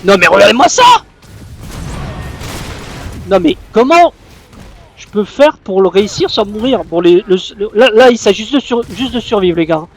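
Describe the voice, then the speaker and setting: Raging French gamer yelling at his game. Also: high-pitched, expressive, normal speed, pauses often. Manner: raging, swearing, loud exclamations. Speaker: gaming YouTuber. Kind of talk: live gameplay commentary.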